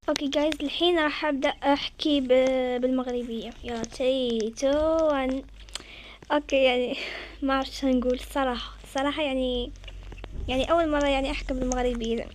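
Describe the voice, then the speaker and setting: Fast, high-voiced Moroccan woman gamer. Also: slight background noise. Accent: Moroccan Arabic. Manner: chatty, bursts into excited squeals when surprised. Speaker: gaming channel host. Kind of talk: gameplay commentary.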